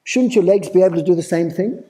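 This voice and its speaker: A man's voice: high-pitched, fast talker, mellow, low-quality recording. An Australian man giving a playful live talk at a festival, putting questions to the audience. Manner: engaging, asks the crowd questions, playful. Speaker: festival presenter.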